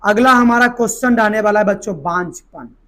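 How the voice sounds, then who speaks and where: A man with a hoarse voice from a sore throat, teaching a live online biology class. He asks the class questions and answers them himself. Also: high voice, moderate pace, fairly bright tone. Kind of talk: live online exam-prep lesson.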